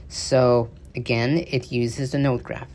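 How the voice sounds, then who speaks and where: There's a little hiss or hum under this gaming news creator's slow, darkish, mid-range voice, which barely moves in pitch. He offers casual, meandering commentary on a new game update over gameplay, with lots of fillers and restarts.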